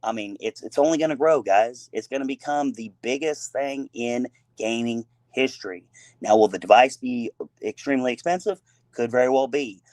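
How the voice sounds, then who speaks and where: A man's voice: medium pitch, normal speed, a little mellow, no echo. A man with a son, hosting a casual gaming talk show, talking in long, rambling, emphatic runs full of fillers and restarts. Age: adult with a son.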